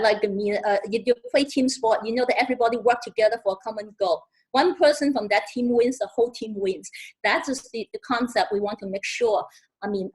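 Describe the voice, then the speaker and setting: A middle-aged woman from Hong Kong talks on a webinar panel in a Hong Kong accent, her speech halting and full of fillers and repeated words. Her voice is a little high, and the recording quality is rough.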